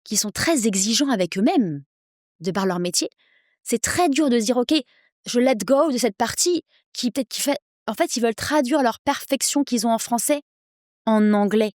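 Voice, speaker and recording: A woman in her thirties, an English coach, speaking persuasively as a podcast guest, with energetic quick bursts. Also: fairly high pitch, no echo, studio quality. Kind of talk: podcast interview.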